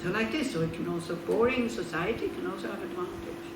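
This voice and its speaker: A fast-talking Swiss woman with a mid-range voice, she's a Buddhist nun delivering an informal teaching talk. Her manner is chatty, with laughing asides and rhetorical questions. The audio sounds roomy and distant, and there's background noise.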